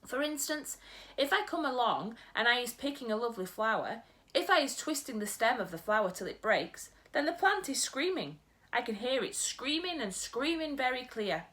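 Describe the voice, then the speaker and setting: A woman doing the BFG, a gentle giant. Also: a little high, very animated, normal speed, pitched above the performer's own voice. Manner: quirky broken grammar, warm earnest storytelling. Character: kindly big friendly male giant, earnest.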